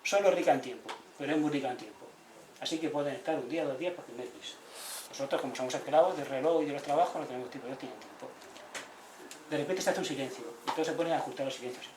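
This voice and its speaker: A man's voice: medium pitch, very fast, noisy background. A man giving a public talk, telling stories and acting out the voices of the villagers he quotes. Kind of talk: public talk, anecdotal lecture. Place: squatted social centre hall. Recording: echoey room, voice from far off.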